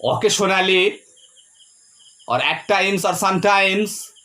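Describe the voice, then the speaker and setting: A man teaching a poem. He speaks with heavy emphasis, spells words out letter by letter and checks in with "Clear?". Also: high voice, slow pace, sharp tone. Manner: ends points with a rising "Clear?". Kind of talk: poetry lecture.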